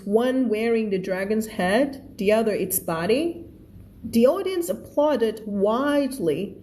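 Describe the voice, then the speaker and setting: A woman teaching reading on a live stream. She is chatty and playful, laughs at herself, and reads sentences slowly, word by word. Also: medium pitch, a little mellow.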